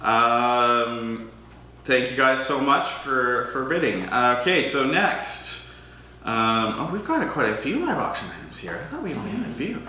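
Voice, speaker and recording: A man's voice: mid-range voice, lively intonation, unhurried, pushed and bright, a little hiss or hum. A young man from Alberta, Canada, hosting a charity auction on a livestream, chatty and self-deprecating, often hesitating with ums. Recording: very echoey room.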